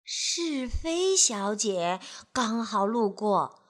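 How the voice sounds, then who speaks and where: A woman storyteller reading a picture book aloud to children, gentle and expressive. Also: fairly high pitch, extremely slow.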